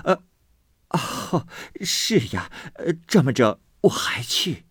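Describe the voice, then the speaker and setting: A man's voice: very animated, takes it slowly, a bit bright, slightly rough, no room sound, clean studio sound, exaggerated voice. A man doing a frantic old maidservant. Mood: aggrieved. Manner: frantic, wailing, high-pitched. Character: flustered old female servant, panicky and blunt.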